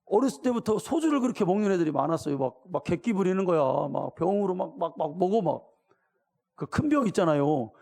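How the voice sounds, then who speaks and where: A man's voice: sits high, expressive, fairly quick, creaky, mellow. A middle-aged man preaching a sermon as pastor, talking colloquially and questioning his congregation. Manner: acts out voices of the people in the story.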